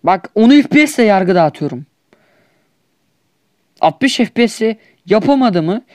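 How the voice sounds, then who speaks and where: A man's voice: high-pitched, lively intonation, a little slow, darkish tone, no echo, studio quality. A young man with a Turkish accent, trash-talking over mobile shooter gameplay in a whiny, exasperated comedic skit. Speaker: gaming YouTuber.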